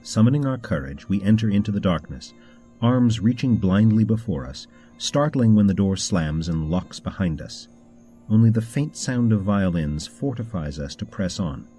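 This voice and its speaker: A man narrating a mystery game script in a measured, descriptive storytelling manner. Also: on the low side, lively intonation, mellow, faint music behind.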